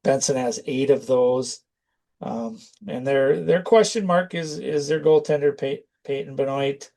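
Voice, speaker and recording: A man's voice: mid-range voice, a little slow, gravelly, darkish tone. A man with a mid-range voice talks through a sports preview. His delivery is conversational and analytical, like a casual commentator weighing up a matchup.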